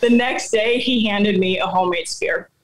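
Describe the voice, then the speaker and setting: A middle-aged woman tells her story in a casual, animated way. She laughs often as she goes, and her voice sits in an ordinary middle pitch. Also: moderate pace, a crowd in the background, rough recording. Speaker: guest hunter.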